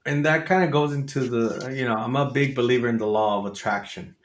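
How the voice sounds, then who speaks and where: A man's voice: medium pitch, a little fast. A man hosting an interview, telling a personal story candidly with plenty of fillers and restarts. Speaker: host. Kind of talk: conversational interview. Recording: echoey room.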